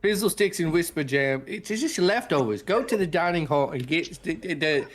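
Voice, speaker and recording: A man's voice: on the high side, animated, normal speed. A man playing a tabletop role-playing game, talking in character in an impatient, pushy way. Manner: impatient, pushy, breaks into laughter. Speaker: player.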